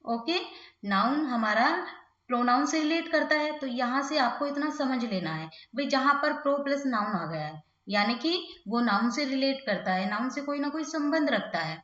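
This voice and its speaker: Woman teacher, high voice, patient check-ins, slow careful examples, echoey room with a slightly dull sound. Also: animated, a bit bright. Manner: says 'okay' and 'theek hai' often, slows right down for English examples. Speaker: English grammar teacher. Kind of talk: online lesson in Hindi mixed with English.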